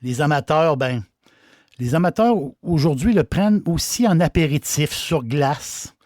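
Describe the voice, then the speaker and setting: An innkeeper with a Québécois French accent hosts a casual, folksy talk about a liqueur, often repeating his words. His voice is on the high side with a darkish tone, animated but unhurried, captured in a dry, clean studio recording.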